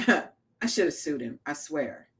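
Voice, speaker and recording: A woman giving a casual motivational talk to small business owners, telling stories in an animated way and acting out the voices she quotes. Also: low voice, slow pace, background noise.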